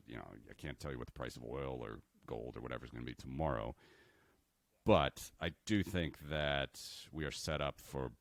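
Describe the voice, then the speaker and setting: A very deep-voiced American man chatting on a podcast. He rambles and restarts often, and the recording sounds dry and close. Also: dry recording. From United States. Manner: rambling, with many fillers and restarts. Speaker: podcast co-host. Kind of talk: casual chat.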